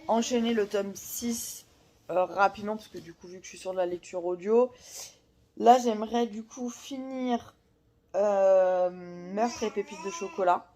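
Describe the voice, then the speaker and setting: In a relaxed chat about books, a female vlogger describes what she is currently reading, hesitating often with many fillers and restarts. She speaks a little slowly in a mid-range voice with a dark tone.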